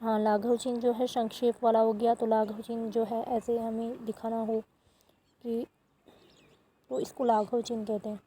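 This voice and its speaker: A woman with a fairly high, mellow voice teaches a grammar lesson. She works through each point step by step, often stopping to correct herself. A faint hiss sits under her voice. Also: flat delivery, moderate pace, low-quality recording. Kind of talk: explaining grammar to students.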